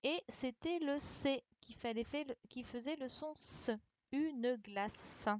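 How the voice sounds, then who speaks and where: Teaching online, a woman corrects her primary pupils' dictation, patiently spelling out letters and checking they follow. She speaks slowly in a high-pitched voice. Recorded on a computer mic during a video call, the audio is dry, dull and lo-fi.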